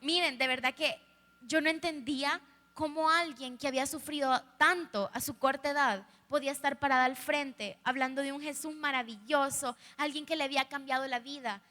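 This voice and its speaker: Speaking at a moderate pace in a high voice that sounds pushed and bright, a young woman gives an honest, humorous testimony to a live audience. She has a Salvadoran Spanish accent. The live stream carries the echo of a large hall.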